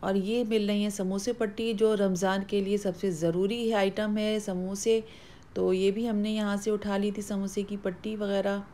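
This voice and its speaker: A woman's voice: medium pitch, flat delivery, normal speed. A woman vlogger chatting casually as she walks viewers through a supermarket, explaining what is on the shelves. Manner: chatty, explanatory tour guiding. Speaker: food vlogger. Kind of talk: casual shopping vlog voice-over.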